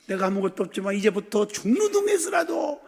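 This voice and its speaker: A man's voice: high voice, sing-song, fairly quick, vocal fry, darkish tone, exaggerated voice. A man doing an emphatic, moved father. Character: moved middle-aged father making a big promise. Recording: long church hall reverb.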